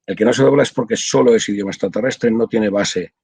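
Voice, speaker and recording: A man's voice: fairly low pitch, quick pace, darkish tone, slightly rough, no echo, low-quality recording. An older man from Spain, a translator, explaining his work at length in a casual video-call interview, with many restarts. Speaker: audiovisual translator, interview guest.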